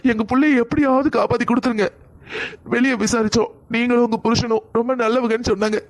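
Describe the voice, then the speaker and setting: A man's voice: extremely high pitch, flat delivery, fast. A man voicing an anxious middle-aged father in a cartoon, speaking in a distressed, pleading way. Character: anxious middle-aged father begging help for his daughter. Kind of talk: cartoon voice acting.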